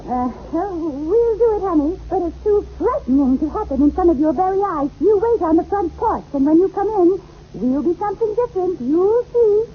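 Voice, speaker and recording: An actress playing a wry, wheedling young wife in a 1940s radio comedy. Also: female voice, extremely high pitch, expressive, normal speed. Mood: playing along. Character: scheming, coaxing young wife playing along as elf. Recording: muffled, hissy 1940s radio recording.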